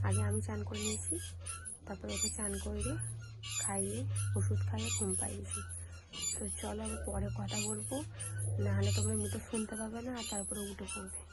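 A young woman, chatting casually to viewers in a home vlog. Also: medium pitch. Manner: chatty, addresses viewers as friends. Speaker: vlogger. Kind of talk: casual daily vlog talk. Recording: noisy home recording.

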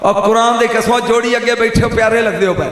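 Punjabi preacher wailing in an echoing hall. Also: male voice, steady tone, fast talker. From Pakistani Punjab. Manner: emotional, swings from hushed storytelling to high wailing shouts, calls out to listeners. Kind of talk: impassioned religious sermon. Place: large gathering before a crowd. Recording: booming echo of a big hall.

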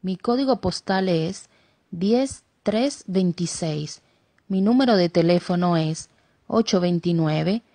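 A Dominican woman reads a scripted self-introduction for language learners in a lowish, mellow voice. She speaks slowly, and the recording is dry. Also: no echo. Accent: Dominican Spanish. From Dominican Republic. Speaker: voice actor in a language lesson.

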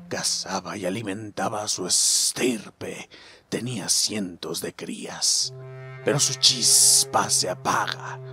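A man voicing a mysterious, solemn stranger in a video game, reading the lines slowly and gravely, sometimes in a whisper. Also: on the low side, full character voice. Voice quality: slow, hushed, grave. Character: mysterious solemn stranger telling dark lore. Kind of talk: reading game dialogue aloud.

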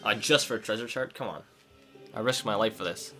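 Man, let's play co-host, bright and easy voice, jokey rambling chat, quiet game music behind. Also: on the low side, fairly quick. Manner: jokey, chatty, rambling with many "like"s. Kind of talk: casual gameplay chat.

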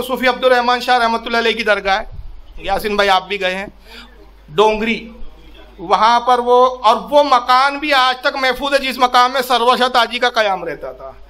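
High, bright-voiced male preacher. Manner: animated storyteller, breaks into drawn-out poetic recitation. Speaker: Islamic religious orator. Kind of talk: Urdu storytelling sermon with recited verse. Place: public gathering at a house venue.

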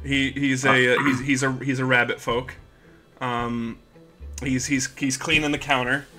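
A game master narrating a tabletop game, halting with many ums and uhs, laughing often. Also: medium pitch, level tone, over music.

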